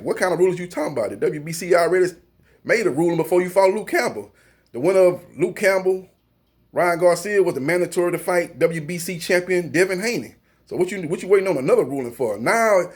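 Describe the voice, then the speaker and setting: A man with a slightly high voice hosts a boxing news channel. His commentary is casual, rambling, and opinionated, packed with fillers and restarts.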